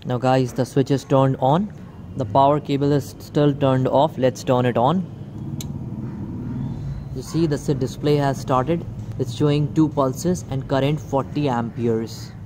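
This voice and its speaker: A man's voice: medium pitch, fairly even intonation, unhurried, background noise. A man giving a hands-on product demonstration outdoors, talking viewers through each step and calling them "guys". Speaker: electronics video host. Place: outdoor table beside plants.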